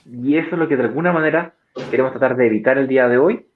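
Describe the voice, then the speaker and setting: A man's voice: medium pitch, fast, slight background noise. A man hosting a coaching session, explaining step by step in a persuasive way. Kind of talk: coaching talk on a video call. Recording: tinny video call line.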